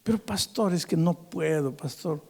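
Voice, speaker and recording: A man voicing a drunk, ashamed man who pleads quietly through tears in a halting, broken way. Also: on the high side, vocal fry, husky, voice pushed up. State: crying. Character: sobbing drunk middle-aged man, ashamed and desperate.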